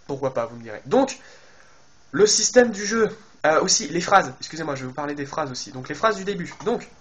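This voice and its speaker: A man talks through a game trailer in a loose, casual way, speaking straight to his viewers. He thinks out loud, filling gaps with hesitations and starting sentences over. His voice sits a little higher than most men's. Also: lively intonation, a little fast. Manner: chatty, thinks aloud with many fillers and restarts; addresses viewers directly. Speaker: video game YouTuber. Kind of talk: casual trailer analysis commentary.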